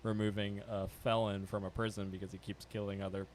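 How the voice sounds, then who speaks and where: Low-voiced man explaining things casually. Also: level tone, a little fast, over a noisy crowd. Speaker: podcast participant. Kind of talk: casual conversational podcast chat.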